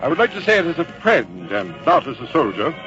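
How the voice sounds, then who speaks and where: In an old-time radio drama, a pompous, confident British general leading redcoats talks in a fairly high, fairly quick male voice with big pitch swings, drawling through rhetorical hesitations and repetitions. The muffled vintage recording sounds dull and aged, with music underneath.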